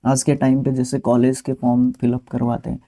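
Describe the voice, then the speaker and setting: A man with an Indian accent walks students through English spelling words, talking to them directly in a relaxed, conversational way. His voice is very dark and mellow, sitting at an ordinary middle pitch, and it is full of easygoing fillers and side remarks. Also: fairly quick. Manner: conversational, with frequent fillers and asides; patient, speaks to students directly. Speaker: English vocabulary teacher. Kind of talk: explaining a spelling lesson.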